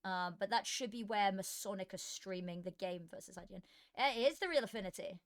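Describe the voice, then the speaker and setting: Mid-range and a touch fast, the voice belongs to a female esports streamer and commentator who sounds tired and worn. Casual live-stream chatter about setting up alternates with muttering to herself. She uses a desk microphone.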